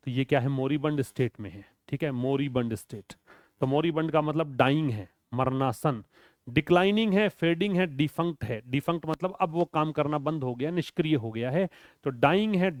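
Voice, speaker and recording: A man's voice: on the high side, darkish tone, dry recording, studio quality. A male teacher giving an exam vocabulary lesson, asking questions and answering them himself in a drilling way.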